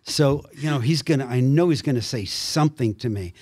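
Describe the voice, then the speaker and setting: An older man, a guest, telling animated stories in a conversation and slipping into voices. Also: medium pitch, fairly quick, slightly rough, no room sound, clean studio sound. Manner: animated storyteller, acts out voices. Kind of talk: storytelling in a conversation.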